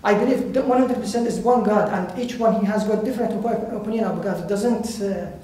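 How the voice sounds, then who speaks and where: Giving personal testimony in non-native English, a man from Iraq searches haltingly for words, his high-pitched, dark-toned voice carrying an Iraqi Arabic accent. He is a volunteer guest speaker at a lectern facing a seated audience in a bright indoor hall. Heavy echo and faint background noise are present.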